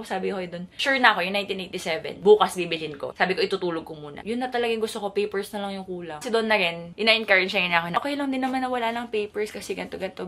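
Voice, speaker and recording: A woman in her thirties from the Philippines, telling a chatty haul-vlog story and mixing Tagalog with English. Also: mid-range voice. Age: 30s. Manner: gushing, animated bursts of excitement. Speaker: vlogger. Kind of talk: casual haul vlog talk.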